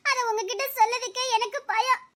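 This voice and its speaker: A woman's voice: very high voice, steady tone, brisk, a bit bright. A woman voicing a frightened young heroine in a cartoon, pleading and close to tears. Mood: tearful. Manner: pleading, tearful. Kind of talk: cartoon voice acting.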